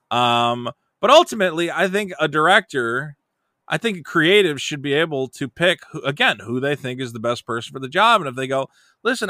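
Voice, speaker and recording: A young adult man, a comedian, talking as a guest in a loose, animated, jokey way. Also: a little high, no room sound, studio quality. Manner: animated, jokey, quick to slip into goofy voices. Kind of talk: casual conversation.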